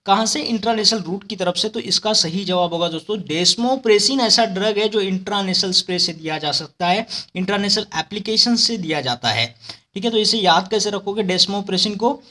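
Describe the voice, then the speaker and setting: Teaching pharmacology for exams, this man speaks in a high-pitched voice with a sharp tone. His lecture moves step by step through memory tricks, and he often checks in with those listening.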